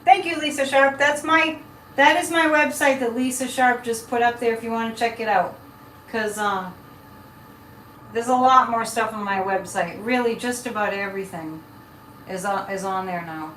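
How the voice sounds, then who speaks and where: Chatty psychic lady on a livestream, rambly, bright voice, echoey and kinda far from the mic. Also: on the high side, moderate pace. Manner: rambling, breaks off mid-thought, chatty. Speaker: live show host and psychic. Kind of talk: casual live chat with viewers, giving psychic impressions. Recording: echoey room, distant mic, faint noise.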